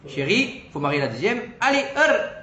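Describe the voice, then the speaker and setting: A man's voice: high voice, sing-song, normal speed, sharp tone, full character voice. A practical, pushy rabbi's wife, voiced by a man telling a story. She gives her orders in a matter-of-fact tone, with the room echoing around her. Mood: urging.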